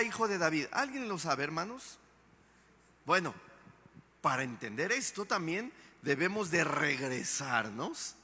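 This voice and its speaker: High-voiced, emphatic male pastor. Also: sharp tone, husky, long reverb tail. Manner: emphatic, asks the congregation rhetorical questions. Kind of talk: sermon. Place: church.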